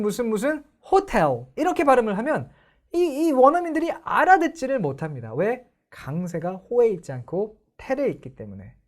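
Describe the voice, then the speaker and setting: A woman's voice: medium pitch, a little mellow. A young woman teaching English pronunciation in an online lecture, explaining and putting questions to the viewers.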